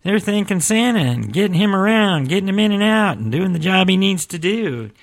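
A man's voice: sits high, sing-song, fairly quick. A man voicing a chatty male elf radio reporter who talks in a folksy way and keeps calling his partner by name. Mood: earnest. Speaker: co-host, reporter. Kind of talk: comedic audio podcast acting.

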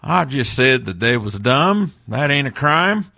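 A man voicing a gruff, blunt male elf flight tracker who talks in plain, rough grammar, as a guest on a comedic podcast. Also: mid-range voice, sing-song, unhurried, sharp tone, heavily acted. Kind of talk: comedic audio podcast acting.

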